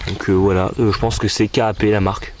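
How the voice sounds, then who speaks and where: A man's voice: fairly low pitch, level tone, fast talker. A man casually showing his archery gear to his camcorder at home, hesitating often with fillers. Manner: hesitant, many fillers, talks to camera. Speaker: archery vlogger. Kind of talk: casual equipment demo. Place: outdoors at home. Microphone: camcorder mic. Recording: camcorder recording with background noise.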